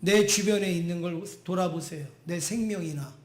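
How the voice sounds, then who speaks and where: A man with a high-pitched voice preaches a Sunday sermon, pressing his points by repeating short phrases over and over. His voice rings out through an echoey church room. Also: normal speed. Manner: emphatic, repeats phrases for stress. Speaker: pastor. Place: church sanctuary.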